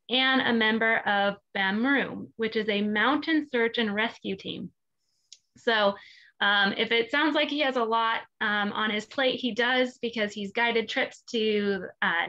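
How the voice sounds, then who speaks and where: A woman's voice: on the high side, bright, forceful tone, muffled recording. A woman in her thirties hosting a webinar and introducing panelists, upbeat and chatty with many fillers. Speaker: webinar host.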